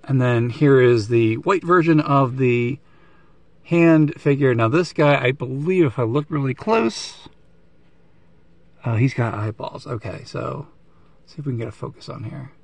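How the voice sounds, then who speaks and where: A man's voice: mid-range voice, animated, a little slow, vocal fry, darkish tone, dry recording, lo-fi sound. A man casually reviewing action figures off the cuff, rambling with lots of fillers and self-corrections.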